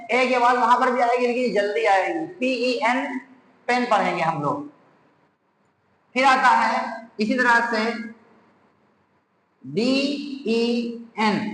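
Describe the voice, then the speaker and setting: A man with a very high voice teaches a grammar lesson at an unhurried pace, spelling words out letter by letter. His voice rings in a reverberant room with a long tail. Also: bright, forceful tone, slight background noise. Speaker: English teacher.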